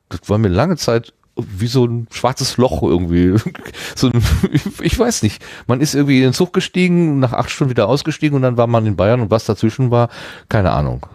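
A man's voice: fairly low pitch, darkish tone, dry recording, studio quality. A man from the Ruhr area chatting casually, rambling and self-deprecating, with many restarts. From Ruhr area, Germany. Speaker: conversation partner. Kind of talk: casual chat.

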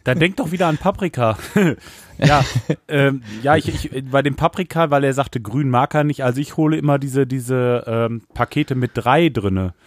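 A man in a casual podcast chat, explaining things in a relaxed way with fillers. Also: medium pitch, moderate pace, no room sound, studio quality.

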